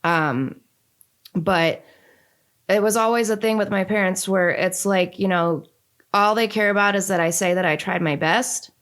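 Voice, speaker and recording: A young woman from the Northeastern United States, chatting as a podcast guest, candid and lively with lots of fillers. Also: medium pitch, measured pace. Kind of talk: casual conversation.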